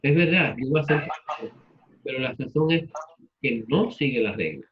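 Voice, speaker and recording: A man's voice: medium pitch, lively intonation, moderate pace, muffled recording, slight background noise. A man teaching a class, repeating students' answers and asking them questions in turn. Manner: patient, repeats answers back and asks questions.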